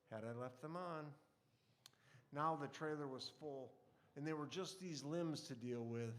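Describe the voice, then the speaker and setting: A man reading aloud a reflective personal story in a wry, conversational way. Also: mid-range voice.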